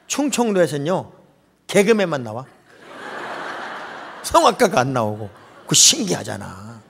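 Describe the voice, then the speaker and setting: A man's voice: mid-range voice, slightly rough. A middle-aged male pastor preaching a humorous sermon, joking with the congregation and mimicking dialects. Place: large church sanctuary. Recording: long reverb in a church hall.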